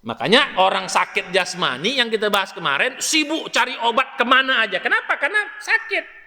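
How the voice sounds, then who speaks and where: Bright-voiced older preacher in a reverberant mosque. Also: male voice, very high voice, brisk. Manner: lively, folksy, addresses listeners as Pak and Bu, asks the crowd questions. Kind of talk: dawn mosque lecture. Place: mosque hall. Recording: long hall reverb.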